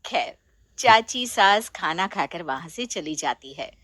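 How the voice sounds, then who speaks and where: A woman's voice: on the low side, animated, slow pace, a bit bright, no room sound, clean studio sound. A woman narrating a family storybook in a plain storytelling manner.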